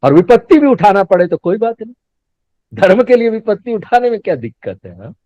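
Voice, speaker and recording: Chatty swami with a dark, dull sound. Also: male voice, high voice, sing-song, brisk, no echo. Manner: chatty, laughs often, asks listeners "हाँ?". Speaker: swami giving a scripture discourse. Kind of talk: Hindi spiritual discourse. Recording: dull lo-fi recording, dry.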